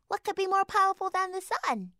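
A woman voicing an eager young female mouse, high and bright with lively questions. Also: fairly quick, dry recording, studio quality, full character voice.

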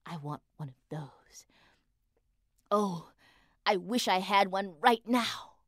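Brief: woman playing a headstrong wife in a spoken folk tale, bright, sometimes whispery, dry close sound. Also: medium pitch, animated, takes it slowly, no echo. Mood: stubborn. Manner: longing hushed whisper when dreaming of treats.

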